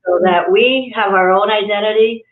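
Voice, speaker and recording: A woman with a mid-range voice, speaking at normal speed, joins a livestream interview as a guest executive coach; she was raised in Cuba and New York City. Her thoughtful answers are full of fillers and restarts, captured as echoey, phone-like video-call audio.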